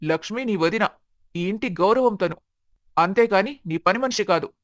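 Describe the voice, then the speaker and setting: A man's voice: sits high, normal speed, fairly bright tone, no echo, clean studio sound. A man voicing an angry young husband and brother who scolds his spoiled sister, in a storybook narration. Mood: angry scolding. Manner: stern, scolding.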